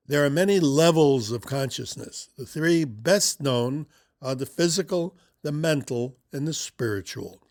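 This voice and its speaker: Measured man teaching in a dry room. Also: fairly high pitch, dry recording. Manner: measured, conversational, poses rhetorical questions. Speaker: self-development teacher. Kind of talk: recorded instructional talk.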